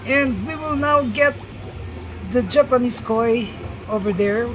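A man's voice: extremely high pitch, measured pace, music in the background. A middle-aged man from the Philippines, explaining fish breeding to viewers in a casual vlog at an outdoor fish farm. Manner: explanatory, addresses viewers as guys. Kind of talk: casual walk-through vlog narration.

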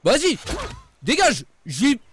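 A young man streaming games, joking loudly, swearing and talking to his viewers. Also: very high voice, wildly swooping pitch, slow, a crowd in the background. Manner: loud, joking, swearing often, talks to chat. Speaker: gaming streamer. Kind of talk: excited live gameplay commentary.

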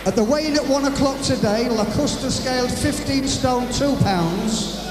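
Male ring announcer, formal drawn-out delivery, very echoey arena with long reverb. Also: very high-pitched. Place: boxing ring in indoor arena. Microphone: handheld microphone. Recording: echoing arena PA, clear background noise.

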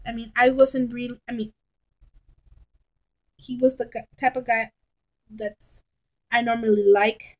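A woman's voice: a little high, fairly even intonation, measured pace, long pauses, poor audio. A woman of thirty in a casual rambling vlog, talking frankly and chattily into a laptop webcam at home. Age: 30s. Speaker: vlogger. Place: bedroom at home, indoors. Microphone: laptop webcam at close range.

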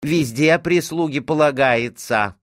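A man's voice: fairly high pitch, a little slow, no echo, studio quality, voice pushed up, lightly acted. A man voicing a household cook who drawls and pleads. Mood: wheedling. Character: wheedling household cook woman.

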